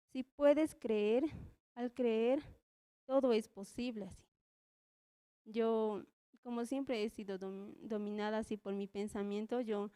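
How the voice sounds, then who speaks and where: A woman's voice: fairly high pitch, mellow, smooth. Nervous young woman giving church testimony. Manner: hesitant, repeats "así" constantly, nervous. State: trembling with nerves.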